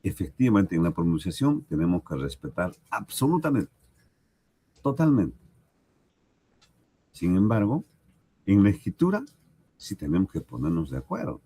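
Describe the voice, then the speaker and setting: A man with a Peruvian Spanish accent teaching a recorded language lesson, speaking slowly and deliberately, repeating examples and checking in with "right?". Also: low-pitched, wildly swooping pitch, mellow, breathy edge, dry recording. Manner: slow, deliberate, repeats examples and asks "¿correcto?".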